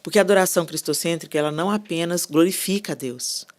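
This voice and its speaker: A woman speaking as a podcast guest, talking about faith in an animated, conversational way and often checking in with her listeners. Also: on the low side, quick pace. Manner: animated, repetitive, asks listeners "né?" and "entendeu?". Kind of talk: casual faith talk on a podcast.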